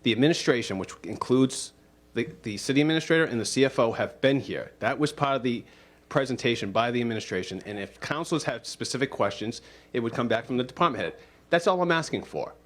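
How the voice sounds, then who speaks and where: A man presiding over a formal council meeting as its president, stern and insistent, his calm turning to anger. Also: mid-range voice, quick pace. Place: city council chamber.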